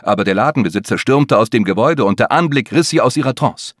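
Male narrator, lively dramatic read, dry close sound. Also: medium pitch, fast talker, no room sound. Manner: tense, dramatic storytelling. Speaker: audiobook narrator. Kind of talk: scripted narration.

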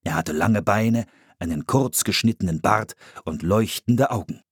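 A man narrating a children's story in an expressive, storytelling way. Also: fairly low pitch, unhurried, breathy edge, dry recording, clean studio sound.

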